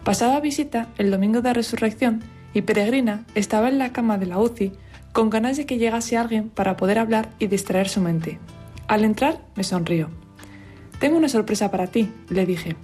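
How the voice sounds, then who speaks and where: A woman from calmly reading a prepared, story-like reflection on the radio. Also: fairly high pitch, moderate pace, faint music behind. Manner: calm, soft-spoken storytelling. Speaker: hospital chaplaincy contributor.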